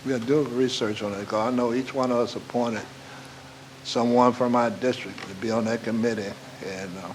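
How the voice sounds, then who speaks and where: A man's voice: medium pitch, fairly even intonation, normal speed, a little hiss or hum, poor audio. A man, a county supervisor speaking in a friendly, affirming way at a public meeting.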